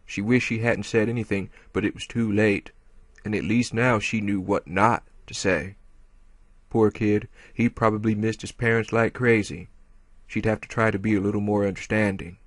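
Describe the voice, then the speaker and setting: Male audiobook reader, low register, dry recording with soft music. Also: steady tone, normal speed, no echo. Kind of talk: audiobook narration.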